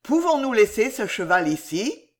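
A narrator voicing an excitable, easily outraged elderly gentleman in an audiobook, his lines loud and exclaimed. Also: mid-range voice, normal speed. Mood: calling out.

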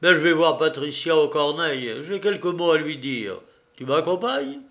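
A man reading aloud and voicing a composed, commanding gentleman who speaks firmly and with dry irony. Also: fairly high pitch, expressive, normal speed. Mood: ironic command. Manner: firm, sardonic, raised voice. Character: cool, commanding gentleman hero, ironic. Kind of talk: audiobook reading.

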